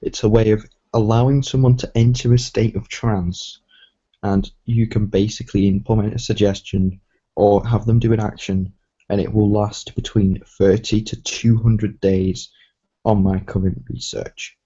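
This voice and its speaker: A man hosting a casual live stream, talking in a slow, even way that often trails off. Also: lowish voice. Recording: dull lo-fi stream audio.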